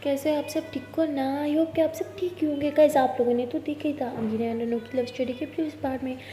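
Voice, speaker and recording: A woman's voice: high-pitched, fairly even intonation, a little fast, warm tone, slight background noise. A woman telling a casual love story in a chatty way, voicing both characters herself. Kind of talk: casual Hindi audio story narration. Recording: echoey room with long reverb.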